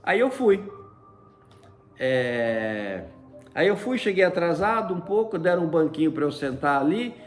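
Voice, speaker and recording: Over soft background music, a man with a higher voice tells a personal story in a very animated yet slightly slow way. He's chatty, keeps tagging "né?" onto his sentences, and uses many fond diminutives.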